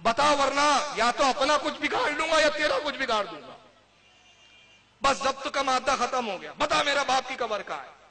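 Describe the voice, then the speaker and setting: A man's voice: high-pitched, a crowd in the background, close to an everyday voice. A man voicing a young male cleric who turns bitter and demanding, in a long hall reverb. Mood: furious.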